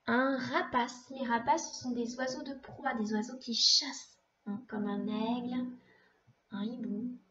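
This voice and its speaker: A woman teaching a young child to read, saying each word slowly and clearly with patient explanations. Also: a little high, fairly even intonation, pushed and bright, dull audio. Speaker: primary school teacher. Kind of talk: slow reading lesson for a young child.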